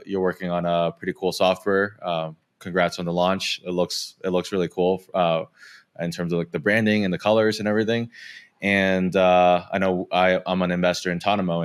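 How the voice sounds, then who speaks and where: A man, a guest on a podcast, speaks in a very low, smooth, resonant voice. He talks casually and hesitantly, with plenty of fillers.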